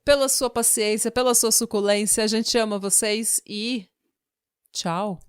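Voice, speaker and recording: A woman's voice: on the high side, steady tone, a little slow, clear, resonant tone, dry recording, studio quality. A Brazilian woman co-hosting a true-crime podcast, casual and sarcastic, given to rhetorical questions. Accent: Brazilian Portuguese. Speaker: podcast co-host.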